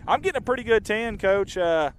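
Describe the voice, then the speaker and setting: A man doing chatty, rambling live softball commentary outdoors. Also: sits high, animated, a little fast. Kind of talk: casual live sports commentary. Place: outdoor softball field on a windy day.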